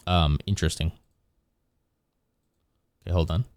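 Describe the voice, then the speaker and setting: Low-voiced man chatting loosely with viewers. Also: steady tone, a little slow, no echo. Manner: rambling, easygoing, chuckles often. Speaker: live streamer. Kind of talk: casual chat with viewers.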